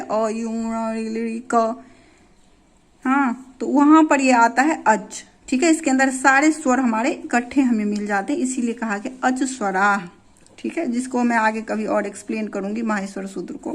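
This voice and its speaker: Woman teacher, fairly high voice, slow dictation pace, asks then answers her own questions. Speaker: Sanskrit grammar teacher. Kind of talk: slow dictation-style grammar lesson.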